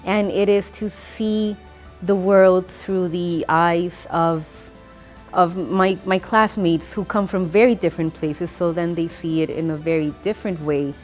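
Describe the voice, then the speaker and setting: With faint music in the background, a master's graduate from Costa Rica whose first language is Spanish speaks English in a reflective testimonial interview. She often restarts and uses fillers, and her lowish voice is steady and unhurried.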